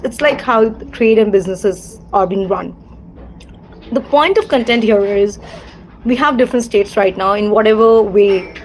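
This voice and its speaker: A woman with an Indian English accent hosts a livestream, delivering a casual, discursive monologue full of fillers and returning again and again to the same set phrases. Her voice is medium-pitched and a little mellow, and the low-quality recording carries slight background noise.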